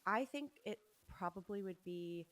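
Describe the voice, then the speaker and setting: A woman's voice: medium pitch, animated, measured pace, fairly bright tone. A young woman from Los Angeles, a musician guest chatting casually in an interview, with many fillers and restarts. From Los Angeles, USA.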